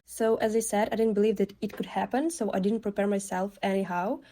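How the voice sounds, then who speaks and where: Mellow young Ukrainian-accented woman. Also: medium pitch, fairly even intonation, fairly quick. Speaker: interviewee sharing a personal war story. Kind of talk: reflective personal account.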